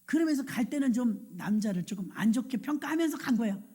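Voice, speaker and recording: Storytelling woman pastor, warm dark voice. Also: a little high, fast talker, slightly rough. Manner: lively anecdotal storytelling, acts out quoted voices. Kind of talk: sermon storytelling.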